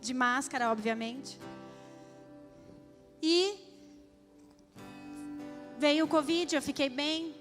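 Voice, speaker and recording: A woman's voice: sits high, slow, pauses often, fairly bright tone, soft background music. A young adult woman from Brazil giving an emotional testimony at church, speaking straight to the congregation. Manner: emotional, addresses the audience directly. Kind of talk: testimony sermon.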